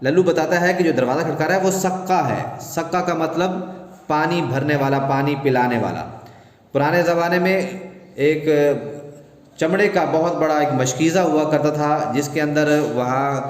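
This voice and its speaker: Male teacher, explaining lesson, slightly high voice, long reverb. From Pakistan. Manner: explanatory, repeating words to define them. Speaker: Urdu teacher. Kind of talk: lecture explaining a text to students. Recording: echoey room, long reverb.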